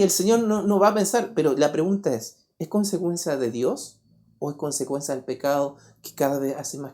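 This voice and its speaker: In a church, a high-voiced pastor from Paraguay preaches a sermon with animated delivery, repeatedly posing rhetorical questions to the congregation.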